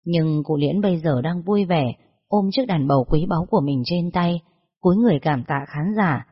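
A narrator reading a story in a steady, measured way. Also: mid-range voice, breathy edge. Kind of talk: scripted storytelling. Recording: dull lo-fi recording.

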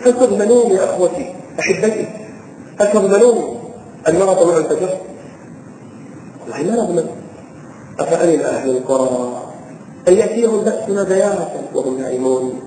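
Preacher, high-pitched voice, emotional sermon storytelling, recorded in an echoey hall with faint hiss. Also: male voice. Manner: emotional, swings from hushed to impassioned; chants verse and Quran slowly.

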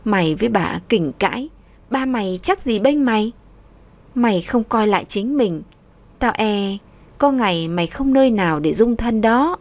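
A woman's voice: medium pitch, lively intonation, normal speed, a little mellow, close to an everyday voice. A woman voicing a frank young woman who gives her friend blunt, lecturing advice.

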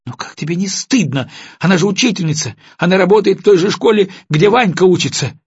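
A man reading an audiobook, voicing an anxious, angry young mother who bursts out in shrill reproach. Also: lively intonation, brisk, breathy edge, no room sound, highs cut off, full character voice. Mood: reproachful.

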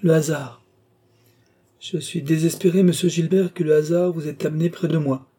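A man's voice: on the high side, steady tone, normal speed, mellow, breathy edge, pitched above the performer's own voice. A man voicing a scornful young noblewoman. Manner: haughty, cutting retorts.

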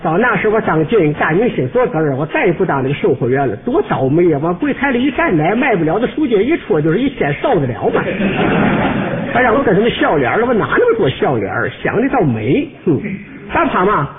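A man's voice: high voice, big pitch swings, brisk. A man doing a boastful rude shop clerk. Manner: boastful, scornful, sharp-tongued. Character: brash, rude male shop clerk who loafs on the job. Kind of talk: comic monologue. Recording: tinny old radio recording with faint hiss.

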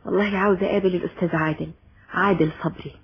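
A woman's voice: fairly low pitch, steady tone, rapid-fire, a little hiss or hum, natural voice. An actress playing a hurt, desperate young woman in a radio drama, speaking with an Egyptian accent in a pleading, distressed way. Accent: Egyptian Arabic. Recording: dull lo-fi radio recording.

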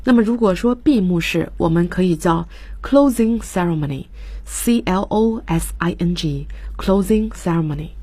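A woman's voice: on the low side, unhurried, mellow, breathy edge, dry recording. A woman teaching English words on a radio lesson, explaining each word and spelling it out letter by letter. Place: radio studio.

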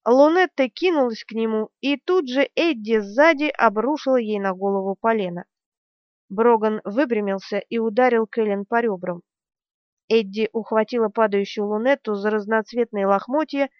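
A woman's voice: a little high, normal speed, no room sound. A woman reading a fantasy audiobook with tense, vivid storytelling. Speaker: audiobook narrator. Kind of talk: dramatic fantasy audiobook narration. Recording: dry, dull lo-fi recording.

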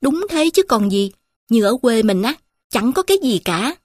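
A naive young man from a poor village, talking with eager, excited emphasis, as a woman telling a story puts him on. His lines ride higher and louder than the narration, recorded dry and close. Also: moderate pace, dry recording.

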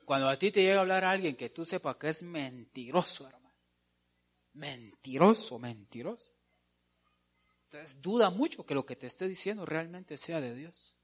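A man preaching a sermon to his congregation, asking them questions and repeating words for stress, going from soft to loud. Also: a little high, expressive, normal speed. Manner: calls the listeners "hermano" and asks them questions.

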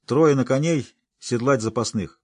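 A man voicing a gruff, boisterous older male dwarf who talks in a rough, folksy, teasing way. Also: medium pitch, measured pace, darkish tone, no echo, studio quality, voice pushed up, natural voice. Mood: gruff jovial.

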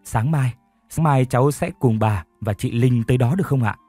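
A man's voice: mid-range voice, normal speed, mellow, no echo, faint music behind, close to an everyday voice. A man voicing a caring young woman who speaks in a soothing, earnest way. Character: caring young woman narrator, gentle and firm.

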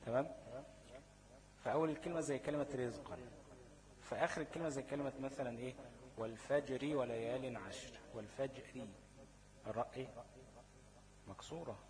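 Class chatter runs beneath this low-quality recording of a mid-range male voice with an Egyptian Arabic accent. He leads a recitation lesson, repeatedly quizzing students with "what?" and "okay?" checks.

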